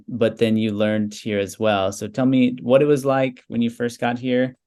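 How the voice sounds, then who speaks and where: A man hosting an interview with an old friend. He asks his questions in an easygoing, friendly way, with some fillers along the way. His voice sits in a medium pitch range. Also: a little mellow. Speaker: interviewer, host. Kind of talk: casual interview.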